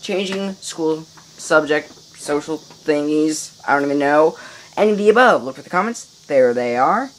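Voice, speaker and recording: A man's voice: fairly high pitch, lively intonation, moderate pace, a bit bright, a little hiss or hum, rough recording. A teenage boy vlogging casually from his upstairs room at home, rambling to viewers with playful mock outrage. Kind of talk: casual video diary. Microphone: microphone in a home room. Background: faint insects chirping.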